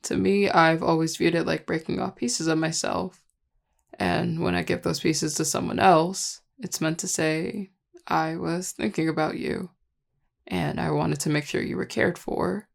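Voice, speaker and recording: A performer voicing a charming, affectionate vampire lover in an intimate audio role-play, teasing and tender in a relaxed, gravelly voice. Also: mid-range voice, measured pace. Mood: tender, reflective. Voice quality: gravelly, heavy vocal fry. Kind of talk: intimate audio role-play, one-sided dialogue to listener.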